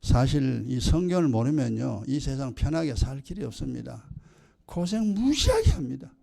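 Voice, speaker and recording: A man's voice: medium pitch, wildly swooping pitch, moderate pace, gravelly, dark tone. A male pastor preaching a sermon emphatically, acting out dialogue as he goes.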